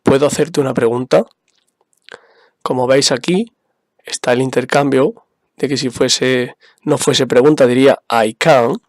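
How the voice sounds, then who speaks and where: Guy teaching english basics real slow, patient, repeats stuff, dry close sound. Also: mid-range voice, steady tone, darkish tone, no room sound. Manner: patient, spells out examples and repeats them. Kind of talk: slow, careful explanation for beginners.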